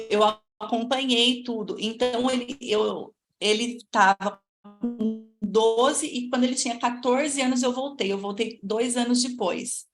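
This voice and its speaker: A Brazilian woman in her forties, with a Brazilian Portuguese accent, hosts a live stream and tells her own story as casual chat. Her voice sits a little high for a woman. She talks lively and warmly straight to her viewers and answers their comments.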